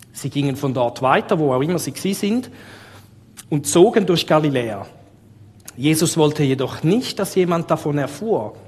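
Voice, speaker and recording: A man preaching a sermon with a Swiss German accent, talking conversationally and asking his listeners rhetorical questions. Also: on the high side. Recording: long reverb of a large hall.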